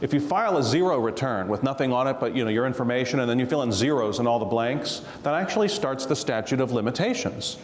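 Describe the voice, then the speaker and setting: Fast and animated with few pauses, a medium-pitched man, the real estate tax attorney guest, rattles through stories and tax rules for a live crowd, laughing often in a casual, joking way. The hall gives roomy reverb, plus a little hiss or hum.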